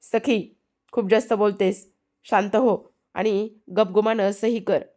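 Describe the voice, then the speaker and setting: A woman's voice: medium pitch, steady tone, unhurried, mellow, lightly acted. A woman voicing a domineering middle-aged matriarch who heads a family business, in commanding, scolding quoted lines from a serial recap.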